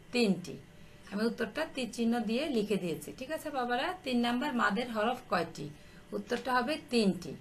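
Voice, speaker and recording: A woman teacher with a fairly high voice dictates answers to a primary class, slowly and patiently, repeating each point. A faint hiss of background noise sits under her voice. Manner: slow, repetitive dictation, addresses pupils affectionately.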